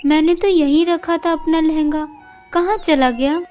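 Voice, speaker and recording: A woman's voice: very high-pitched, fairly even intonation, measured pace, a little mellow, soft background music. A woman voicing a kind, hardworking young woman heroine who speaks earnestly. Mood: upset. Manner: earnest and pleading.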